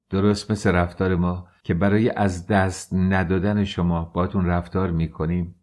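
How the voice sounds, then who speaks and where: In an audiobook, a man with a low voice plays a bold, sharp-tongued young courtesan, delivering the lines tauntingly.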